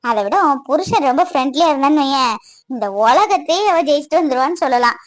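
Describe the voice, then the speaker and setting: A woman's voice: high-pitched, fast talker, dry recording, clean studio sound, lightly acted. A woman voicing a caring sister-in-law in a cartoon, soothing and reassuring. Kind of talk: cartoon voice acting.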